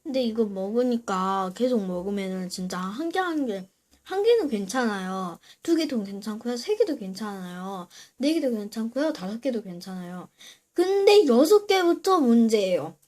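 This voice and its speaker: A woman's voice: medium pitch, expressive, normal speed, a little mellow. A woman hosting a casual eating video, chatting to viewers between bites of sour candy. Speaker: mukbang video host.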